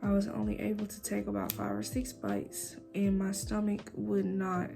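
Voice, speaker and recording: Young woman vlogging casually, creaky voice. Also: mid-range voice, sing-song, moderate pace, music in the background. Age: young adult. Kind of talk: casual vlog chat to camera.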